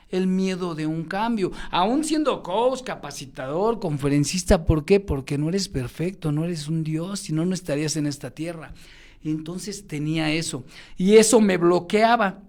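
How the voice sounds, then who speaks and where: A man speaks as a motivational speaker telling his own story. He talks in an animated way and voices both sides of past conversations himself. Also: a little high. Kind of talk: personal storytelling talk.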